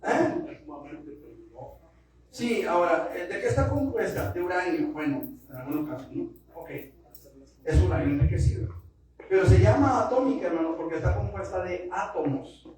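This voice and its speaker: A man preaching a sermon as pastor, impassioned and emphatic, dropping to soft asides and then rising to loud bursts. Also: high-pitched, big pitch swings, moderate pace, a crowd in the background. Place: church sanctuary. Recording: very echoey church from far off.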